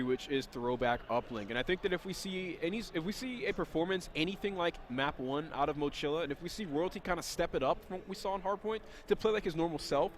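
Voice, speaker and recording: A man doing live play-by-play commentary on a competitive video game match, energetic and quick, sometimes correcting himself mid-sentence. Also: on the high side, a little hiss or hum. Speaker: esports commentator.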